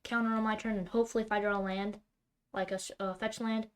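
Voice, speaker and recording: Here a streamer narrates her own card game in a mid-range voice, flat in delivery and quick in pace. She's mostly talking to herself, with annoyed outbursts breaking in when the cards go badly.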